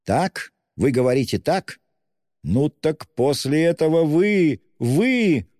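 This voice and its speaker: A man voicing a drunk, excitable young man who shouts and gushes, fiercely self-abasing in a storybook reading. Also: on the low side, unhurried, dry recording, studio quality, long reverb tail. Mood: ecstatic. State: tipsy.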